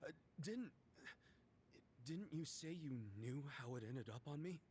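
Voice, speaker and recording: A man's voice: fairly high pitch, lively intonation, measured pace, darkish tone, a little hiss or hum. An actor playing an eager, impulsive male yakuza hero who asks emphatic questions. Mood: puzzled.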